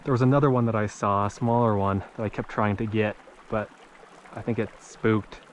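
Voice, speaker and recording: This fishing vlogger, a man in his thirties, talks a bit fast in a lowish voice, letting out an excited exclamation with each catch. He films his trip along a small creek in an open mountain valley using a head-mounted action camera, and there's slight background noise.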